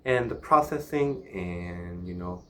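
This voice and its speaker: A man from Myanmar chatting casually in a solo vlog, musing in a halting way with pauses. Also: sits low, animated, pushed and bright, slight background noise. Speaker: vlogger.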